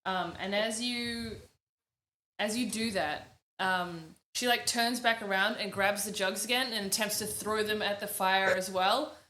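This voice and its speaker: A woman's voice: medium pitch, steady tone, unhurried, pushed and bright, slight background noise. Australian woman game master, roomy sound. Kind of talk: narrating a tabletop game.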